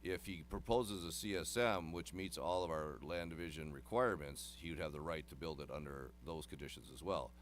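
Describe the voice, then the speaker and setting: A man's voice: rumbling low, a little fast, hardly any pauses, a little hiss or hum. A man on city planning staff explaining land rules at a public meeting in a matter-of-fact, procedural way. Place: council meeting room.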